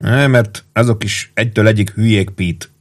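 A man voicing a laid-back, teasing male first sergeant with an easy, calm way of talking. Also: on the low side.

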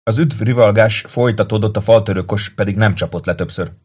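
Husky low-voiced male narrator. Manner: steady dramatic reading. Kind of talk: audiobook narration.

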